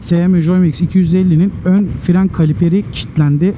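Higher-voiced man talking inside a noisy helmet. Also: fairly even intonation, brisk. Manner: conversational, emphatic, addresses viewers as friends. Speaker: motorcycle vlogger. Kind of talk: casual advice monologue to viewers. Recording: muffled helmet mic, loud outdoor traffic noise.

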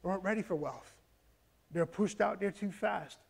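A man preaching a sermon, animated, acting out loud pleading prayers and calling out to his congregation with repeated phrases. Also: high-pitched, moderate pace, gravelly, husky. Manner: repeats words, calls out to congregation. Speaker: pastor.

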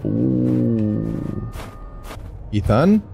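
A man's voice: mid-range voice, lively intonation, extremely slow, gravelly, mellow, faint music behind. A man doing horror game commentary for a gaming video, joking and nervous as he talks through the game.

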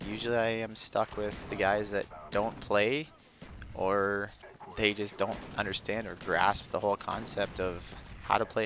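A man's voice: fairly low pitch, noisy background. A young man giving casual, rambling commentary over his own gameplay footage, full of fillers. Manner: laid-back, rambling, frequent fillers.

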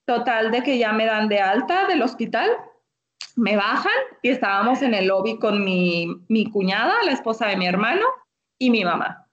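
A woman with a Mexican accent tells her personal story to an interviewer. She speaks in a somewhat high voice and brings the people in her story to life. The audio is muffled and lo-fi, like a call recording. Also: moderate pace. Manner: animated storytelling, acting out what others said. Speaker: interview guest. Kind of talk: personal testimony in a remote interview.

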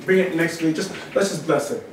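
A man's voice: a little high, fairly quick. A man speaking as a pastor in informal church talk, exhorting and seeking agreement from his listeners. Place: small indoor meeting room. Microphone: distant camera microphone. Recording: echoey room, far microphone, clear background noise.

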